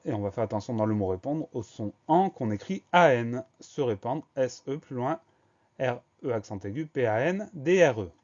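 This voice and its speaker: A man walks through a dictation lesson at a patient, methodical pace, spelling words out letter by letter. His voice sits at an ordinary middle pitch. The recording is a bit dull and lo-fi. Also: mellow. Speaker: French teacher.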